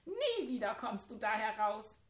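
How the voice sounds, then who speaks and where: A woman's voice: a little high, very animated, unhurried, echoey room. A woman voicing a giggling, mischievous male troublemaker creature in a children's story, taunting and cheeky.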